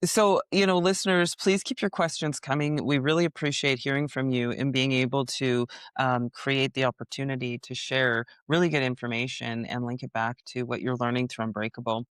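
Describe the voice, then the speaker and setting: A woman's voice: a bass voice, fairly even intonation, moderate pace, hardly any pauses, clear, resonant tone, dry recording, studio quality. A woman hosting a podcast, chatting in an upbeat, rambling way with lots of fillers and restarts. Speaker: podcast host. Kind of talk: casual podcast chat.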